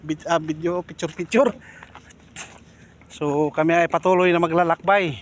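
A man's voice: on the high side, steady tone, moderate pace, slight background noise. A man chatting casually as a vlogger on a trip, directing people to pose for photos. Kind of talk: casual travel vlog.

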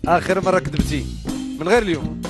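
A man with a Moroccan accent hosting a talk show, firing off quick teasing questions at his guest. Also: fairly high pitch. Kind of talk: casual interview, rapid-fire questions. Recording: loud music behind the talk.

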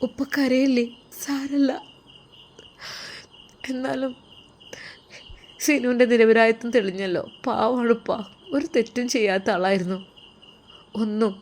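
A woman narrator voices a loving young wife. Her voice rises a little higher, soft and earnest, near tears. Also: steady tone, measured pace, long pauses, a little hiss or hum. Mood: earnest, tearful. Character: loving young daughter-in-law, gentle and emotional.

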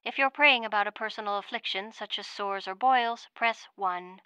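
A woman's voice: medium pitch, moderate pace, bright, forceful tone, smooth, no room sound, close to an everyday voice. A woman playing an impersonal, politely indifferent automated hotline message in a comic audio drama. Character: impersonal female automated heavenly phone menu. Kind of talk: recorded hotline announcement parody.

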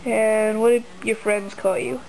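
A woman off camera asking brisk interview questions and calling for retakes. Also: a little high, little pitch movement, a little mellow, low-quality recording.

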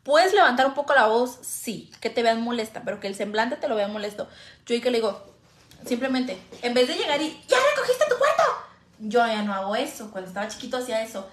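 A woman's voice: fairly high pitch, fast talker. A young woman with a Mexican accent, a mother and vlogger, chatting casually and frankly with her viewers, using slang and swearing freely. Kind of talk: casual livestream chat. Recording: echoey room, faint background noise.

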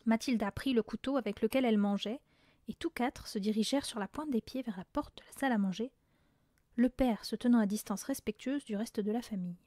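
Expressive woman reading a children's story. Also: on the high side, brisk, no echo, studio quality. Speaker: audiobook reader. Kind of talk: storybook narration.

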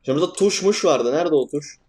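A man's voice: fairly high pitch, lively intonation, quick pace, darkish tone. A young man commentating a horror game as he plays, swearing and yelping at scares, then laughing them off. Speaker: gaming YouTuber.

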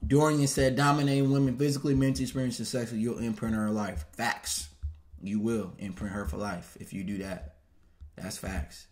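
A man's voice: fairly low pitch, a little mellow. Blunt, slangy male stream host. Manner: blunt, profane street slang. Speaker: channel host. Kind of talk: casual livestream talk reading viewer messages.

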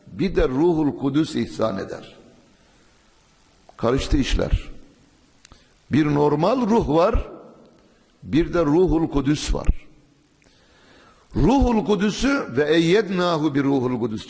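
A man's voice: fairly high pitch, a little mellow. Man preaching at a pulpit microphone. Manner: measured, emphatic, recites Arabic verses. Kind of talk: sermon. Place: mosque pulpit. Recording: long hall reverb.

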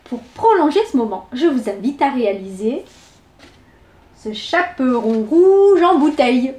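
A woman reads a children's story aloud with lively expression and a high voice. Her telling is animated and warm toward young listeners. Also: a little slow.

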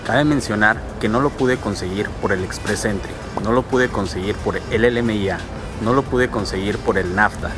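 Here the Mexican vlogger's voice sits on the low side at normal speed. He holds the camera at arm's length and walks suburban streets and a transit station outdoors, giving a steady explanation of immigration while music plays beneath him.

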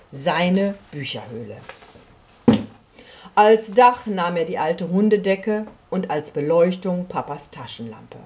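A woman reading a children's story aloud, slow and expressive, often sinking to a soft near whisper. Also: lowish voice, slight background noise.

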